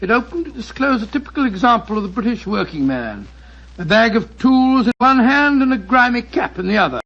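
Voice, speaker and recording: A genial older doctor with a high, gravelly voice, avuncular and quick to bluster. It sounds like a muffled old radio broadcast. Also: male voice, sing-song, a bit bright, full character voice. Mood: narrating. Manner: avuncular, blustering when annoyed. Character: genial older male doctor, kindly storyteller. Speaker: narrator. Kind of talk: 1940s radio acting.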